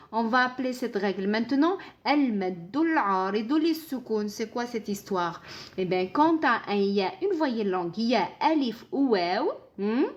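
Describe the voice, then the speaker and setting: A woman with a slightly high voice teaches pronunciation in a live online lesson. She talks at a very slow, patient pace and acts out small exchanges between herself and the letters. The livestream audio sounds dull and lo-fi. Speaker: Arabic teacher.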